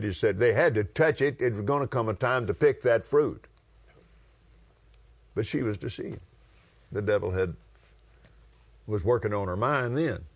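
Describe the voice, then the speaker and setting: With a lowish voice and a West Texas accent, a man from that region teaches scripture conversationally, preacher-style, drawing out his words for emphasis.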